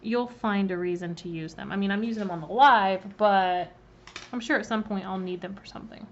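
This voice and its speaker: Through a laptop microphone, a woman's fairly quick, mid-range voice comes across slightly muffled over faint background noise. She talks her way through decorating cookies on a live stream, welcoming viewers by name and saying um a lot.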